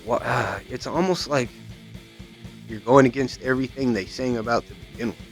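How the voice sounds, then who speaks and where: A man's voice: mid-range voice, normal speed, soft background music. Profane rambling man ranting. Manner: profane, rambling, repeats "you know what I mean". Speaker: guitar vlogger. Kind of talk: casual rant to camera.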